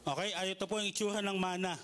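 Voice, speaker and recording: A man's voice: high-pitched, steady tone, quick pace, a bit bright. A male pastor giving a conversational sermon, telling humorous stories and checking in with the listeners often. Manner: conversational, with polite asides and frequent "okay?" checks.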